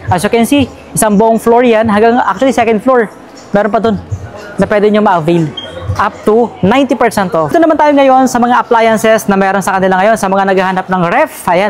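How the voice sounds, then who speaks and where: A woman with a Filipino accent giving a casual walkthrough vlog of a store sale, chatty and upbeat, reading out prices with lots of fillers and tag questions. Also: mid-range voice. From Philippines. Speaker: vlogger touring a store sale. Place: large indoor furniture store sale.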